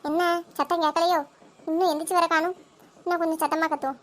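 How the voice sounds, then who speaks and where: A woman's voice: extremely high pitch, level tone, quick pace, fairly bright tone, soft background music. Woman voicing a nagging cartoon mother-in-law. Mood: scheming grumble. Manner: grumbling, scheming muttering to herself. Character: nagging older mother-in-law, scheming and grumbling. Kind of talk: cartoon voice acting.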